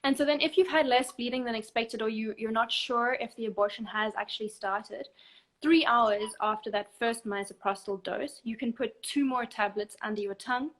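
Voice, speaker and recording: A woman, a guest counsellor explaining procedures calmly and step by step in a live online chat. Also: a little high, normal speed. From South Africa. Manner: calm, methodical step-by-step explaining. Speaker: abortion help desk counsellor, guest expert.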